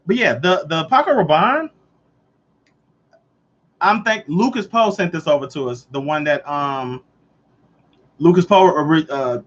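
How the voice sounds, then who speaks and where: On dull, lo-fi livestream audio, a man in his late thirties runs a relaxed live chat and replies to viewers on the fly. His pitch is fairly high and his tone a bit bright.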